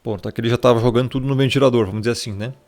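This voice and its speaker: With a steady, somewhat dark mid-range voice, a Bible teacher explains scripture very fast in an informal study. He talks conversationally, checking in through tag questions and calling his listener brother.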